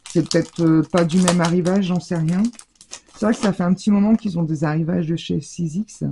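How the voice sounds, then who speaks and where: A woman's voice: on the low side, fairly even intonation, brisk, dark tone, slight background noise. A woman with a French accent chatting casually in a scrapbooking haul video, hesitant and full of fillers and restarts, recorded indoors at home. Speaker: scrapbooking vlogger.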